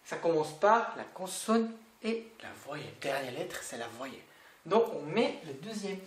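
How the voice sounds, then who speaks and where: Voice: medium pitch, very animated, unhurried, echoey room. A language teacher giving a patient online lesson, repeating words and asking the learner questions.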